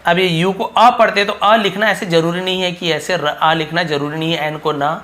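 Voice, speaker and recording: A man's voice: sits high, steady tone, pushed and bright. A young man teaching English reading as a lesson, stretching and repeating vowel sounds to demonstrate pronunciation. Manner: drawn-out phonics demonstrations, addresses viewers as sir-style students. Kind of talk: spoken lesson at a board.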